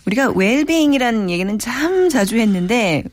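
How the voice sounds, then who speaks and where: A woman's voice: a little high, expressive, normal speed, no room sound. A woman from South Korea hosting a radio talk show in a polished, conversational announcer style.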